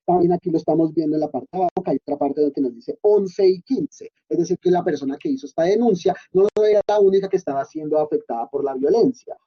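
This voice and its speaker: A man walks students through a coding lesson in a husky, fairly high voice. He explains patiently and keeps asking if they are following. The recording sounds dull and lo-fi. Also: mellow. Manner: explanatory, often checks in with "¿listo?". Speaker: instructor.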